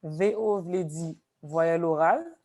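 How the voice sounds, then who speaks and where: A woman teaching a language class, explaining slowly with repeated examples. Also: on the low side, darkish tone. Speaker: Haitian Creole teacher.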